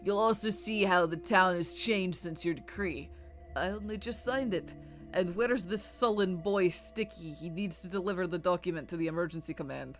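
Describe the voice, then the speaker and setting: An imperious boy who leads other children in a video game, read aloud by a woman. The delivery is haughty and declamatory in a lowish voice. Quiet music runs behind it. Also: moderate pace, close to an everyday voice. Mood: haughty, insistent. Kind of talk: reading game dialogue aloud.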